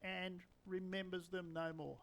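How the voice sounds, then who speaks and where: A preacher in his sixties, his voice notably high and creaky, gives a sermon at a slightly slow pace on poor audio. He addresses the congregation in a relaxed, conversational manner, working in dry humour.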